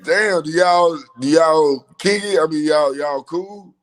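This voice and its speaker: A man chatting casually with a friend on a stream, asking questions and teasing him in a friendly way. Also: fairly high pitch. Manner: friendly, teasing, quick reactions. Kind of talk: casual chat.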